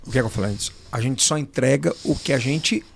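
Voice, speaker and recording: A man's voice: mid-range voice, a little fast, creaky, a little hiss or hum. Man hosting, easygoing and chatty. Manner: relaxed, chiming in with short replies. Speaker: podcast host. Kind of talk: casual chat.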